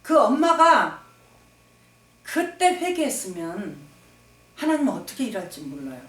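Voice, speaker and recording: A woman's voice: mid-range voice, big pitch swings, a little slow. A woman pastor preaching emphatically, repeating phrases for stress and calling for amens. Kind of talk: sermon. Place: church sanctuary. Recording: echoey hall, distant mic.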